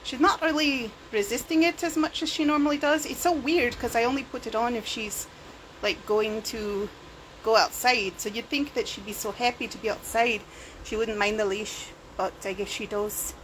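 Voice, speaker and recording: A home vlogger with what sounds like a Scottish accent talks casually into a handheld camera or phone, her voice a little high, a bit bright, steady and moderately paced. She rambles and makes self-deprecating asides; audio is poor, with clear background noise typical of handheld home video.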